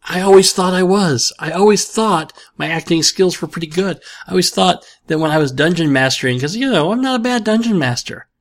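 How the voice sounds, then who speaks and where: A man's voice: high-pitched, expressive, a little fast, few pauses. Rambling self-deprecating man. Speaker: podcast host answering listener questions. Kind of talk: casual chat.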